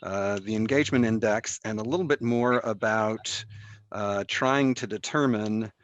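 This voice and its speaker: A man hosting and presenting informally to a small group, often halting as he searches for his words. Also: on the low side, highs cut off. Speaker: session host and presenter.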